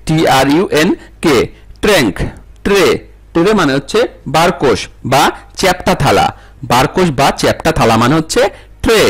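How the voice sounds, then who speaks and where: Guy drilling english words, spells em out, bouncy husky voice. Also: on the high side, fairly bright tone. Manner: repetitive, sing-song word-meaning-spelling pattern. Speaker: English teacher.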